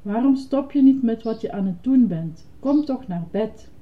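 A woman's voice: animated, moderate pace, natural voice. A woman voicing a patient, weary grown-up male puppet who sighs and sounds exasperated, reading a storybook aloud. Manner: low, sighing and exasperated. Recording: dull lo-fi recording.

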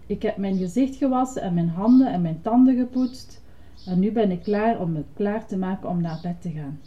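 A woman voicing an excitable, fussy, childlike male puppet in a high, dramatic, insistent voice while reading a storybook aloud. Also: moderate pace, close to an everyday voice. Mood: chirpy. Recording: dull lo-fi recording.

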